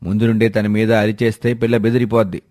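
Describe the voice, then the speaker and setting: A man's voice: fairly low pitch, little pitch movement, quick pace, no room sound, clean studio sound, lightly acted. A man doing a kindly, teasing father-in-law. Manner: gentle, mildly teasing. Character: good-humoured teasing middle-aged father-in-law. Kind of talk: storybook voice acting.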